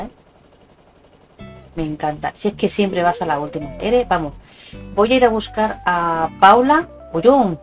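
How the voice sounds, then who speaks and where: Chatty Spanish woman livestreaming over music. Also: mid-range voice. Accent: Spanish from Spain. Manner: chatty, informal, addressing viewers with endearments. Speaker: live game streamer. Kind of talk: casual livestream chat while playing a video game. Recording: music playing behind the voice. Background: game music and stream sound alerts.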